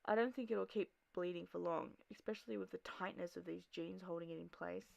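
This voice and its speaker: A woman voicing a gravelly teen girl. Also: on the low side, steady tone, brisk, darkish tone, no echo. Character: troubled teenage girl graffiti artist, restless. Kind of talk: first-person audio drama narration.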